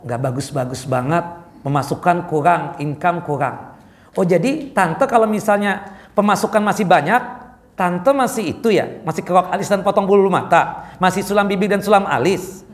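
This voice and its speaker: Guy with a high voice giving a chatty sermon, roomy mosque sound, keeps asking if it's clear. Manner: conversational, asks the audience "jelas?" often. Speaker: Islamic preacher answering questions. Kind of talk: casual sermon with audience Q&A.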